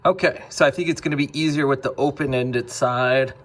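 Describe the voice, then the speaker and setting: Brief: young adult man, mid-pitched, easygoing how-to narration over faint shop noise. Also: a little fast. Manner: relaxed, step-by-step, frequent fillers. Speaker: car DIY video host. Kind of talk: casual how-to narration while working. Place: home garage workshop.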